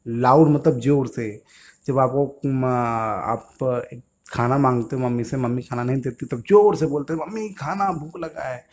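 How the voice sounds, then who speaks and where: A man's voice: medium pitch, unhurried, a little mellow, slight background noise. A man teaching English words to young children, patiently asking questions and answering them himself.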